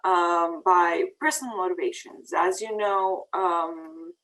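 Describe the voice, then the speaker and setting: A woman's voice: lowish voice, fairly even intonation, slow, a bit bright, low-quality recording. A woman in her thirties from Bosnia and Herzegovina, giving a presentation over slides with many ums and restarts. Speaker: peace fellow giving a presentation. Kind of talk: prepared talk over slides.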